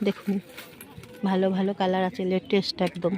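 Hoarse Bengali woman vlogger. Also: medium pitch, monotone, a little fast, mellow. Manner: chatty, repeatedly urging viewers to look. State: hoarse from a cold. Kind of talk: casual walkthrough vlog. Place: indoor fair hall.

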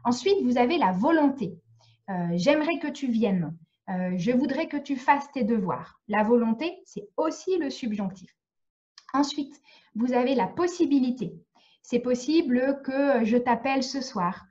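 A woman's voice: high-pitched, animated, a little slow, a little mellow, lo-fi sound. A woman from France teaching French in a live online lesson, explaining patiently and checking often that students follow. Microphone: video call.

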